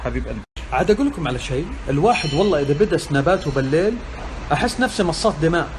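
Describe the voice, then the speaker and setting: A man's voice: a little high, lively intonation, racing. A man chatting playfully and exclaiming as he vlogs to his phone from his car. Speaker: social media vlogger. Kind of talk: casual chat to phone camera. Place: in a car and at a petrol station. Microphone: phone held by hand. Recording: phone recording with loud traffic noise.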